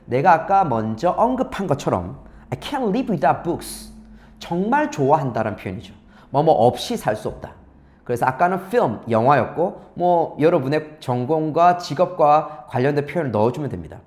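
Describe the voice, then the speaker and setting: A Korean-speaking man teaching English speaking, reading English lines slowly and explaining them briskly. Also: a little high, very animated, darkish tone. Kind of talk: lecture.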